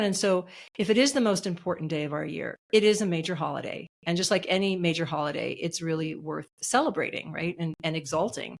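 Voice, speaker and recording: Her lowish voice is creaky as this middle-aged author and coach talks in a podcast interview. She speaks with earnest emphasis and keeps returning to her key phrases.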